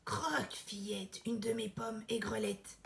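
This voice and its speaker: A woman voicing an old apple tree in a storybook, slow, low and coaxing. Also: steady tone, creaky, fairly bright tone, exaggerated voice.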